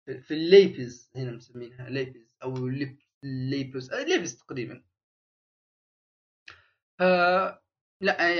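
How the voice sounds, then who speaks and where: A man talks in casual chat at a quick clip, his voice sitting a little high. He rambles and restarts his sentences often. The recording sounds dull and lo-fi. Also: fairly bright tone.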